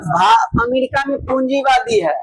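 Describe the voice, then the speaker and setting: A man with a very high voice teaches in a Bihari Hindi accent. He quizzes his students loudly and hammers each answer home by repeating it over and over. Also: lively intonation, unhurried, creaky, rough recording. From Bihar, India. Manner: loud, repetitive quizzing that drills students with call-and-response. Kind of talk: classroom exam drill lesson.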